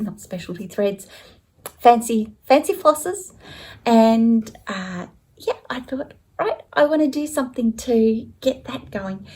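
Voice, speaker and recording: Unhurried chatty woman vlogging at home. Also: a little high, dark tone. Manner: chatty and rambling, self-correcting. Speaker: stitching vlogger. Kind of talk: casual show-and-tell chat.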